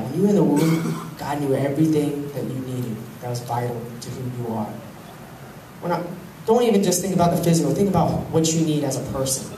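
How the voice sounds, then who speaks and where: A young man preaching a sermon on a handheld mic, animated, swinging from loud to hushed. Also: medium pitch. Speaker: pastor. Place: large church hall with stage. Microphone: handheld mic, filmed from the pews. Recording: echoey hall, far camera, faint hum.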